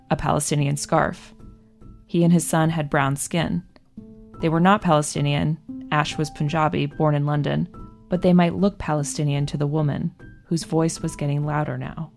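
A woman narrating a true story in a measured, scripted delivery. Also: low voice, vocal fry, a little mellow.

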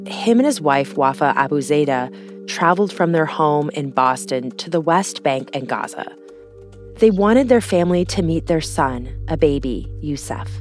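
A woman hosting a news podcast, narrating a script and interviewing a guest in a measured, even way. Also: low voice. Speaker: podcast host.

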